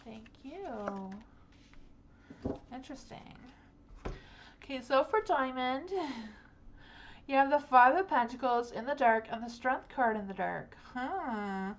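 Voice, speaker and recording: A young woman reads tarot cards on a live stream. Her voice sits a little high, and she talks in a loose, rambling way, full of likes and ums. A faint hiss runs under the recording. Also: expressive, takes it slowly, pauses often, muffled recording. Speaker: tarot reader.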